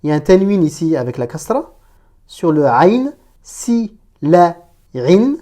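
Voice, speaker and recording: A woman's voice: low voice, sing-song, moderate pace, dark tone. A woman teaching an Arabic reading lesson, patiently reading word by word and explaining pronunciation.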